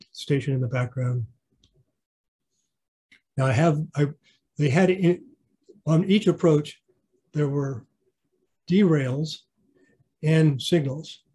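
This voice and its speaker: A man's voice: on the high side, mellow, slightly rough. A man giving a casual online slideshow clinic about his model railroad, rambling with fillers and restarts. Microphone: video call.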